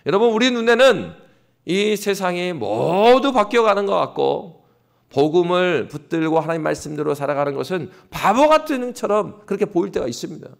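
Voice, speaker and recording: Male pastor, pitched a little high, lively delivery, mimics scoffers mid-sermon. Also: normal speed, gravelly. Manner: animated preaching, acts out scoffing voices. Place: church sanctuary.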